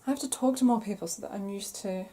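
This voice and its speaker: Woman crochet podcaster, croaky throat, dark mellow tone, chatty and a bit self-deprecating. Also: mid-range voice, quick pace. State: croaky, keeps clearing her throat. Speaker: podcast host. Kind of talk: casual crochet podcast chat to camera.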